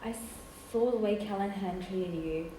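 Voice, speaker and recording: A woman's voice: mid-range voice, a little slow, mellow, close to an everyday voice. A young woman playing a mean-girl medical student who confesses awkwardly, with a hesitant, melodramatic delivery in a stage comedy. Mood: awkward, confessional. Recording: echoey stage, faint noise.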